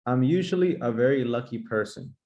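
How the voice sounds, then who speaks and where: A man teaching English in a brisk, encouraging way, drilling grammar with his class in a comedic sketch. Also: medium pitch, lively intonation, mellow. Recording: slightly muffled lo-fi recording.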